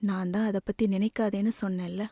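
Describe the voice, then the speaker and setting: A woman voicing a heartbroken young man who gently soothes his younger sister in a subdued way. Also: mid-range voice, little pitch movement, brisk, dry recording, clean studio sound, close to an everyday voice. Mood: soothing, subdued.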